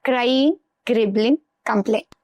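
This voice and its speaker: A woman's voice: on the high side, a little fast, a little mellow, no echo, muffled recording. A woman guest on a podcast, a life coach who explains earnestly with everyday examples. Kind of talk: podcast interview.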